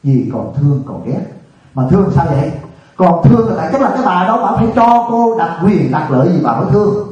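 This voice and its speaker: A man from Vietnam preaches as a Buddhist monk teacher, talking in a lively, conversational way and asking the audience many questions. His voice is dark and mellow. He sounds distant from the mic in a very echoey room, on a dull, lo-fi recording. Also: high-pitched, brisk. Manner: colloquial, animated, rhetorical questions. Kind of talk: sermon. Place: retreat hall.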